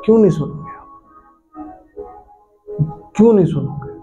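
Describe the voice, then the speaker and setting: Male pastor from India, emphatic repetitive preaching, slightly high dark voice, muffled lo-fi recording. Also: expressive, moderate pace. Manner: emphatic, repetitive, addresses listeners directly with rhetorical questions. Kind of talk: Hindi sermon. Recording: dull lo-fi sound with faint music.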